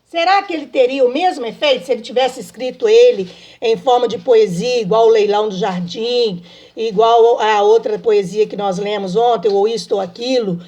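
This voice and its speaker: A woman's voice: on the high side, moderate pace, dark tone, dull audio. A woman teaching a remote lesson to young children, in a patient sing-song manner, checking often that they follow. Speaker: primary school teacher.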